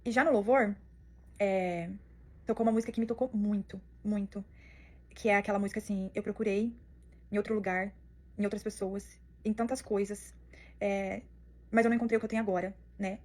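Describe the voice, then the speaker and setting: A woman's voice: medium pitch, fairly even intonation, a little mellow. A young woman telling her personal faith testimony in an earnest, emotional way. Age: young adult. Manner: emotional, earnest, fast-flowing storytelling. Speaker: testimony speaker.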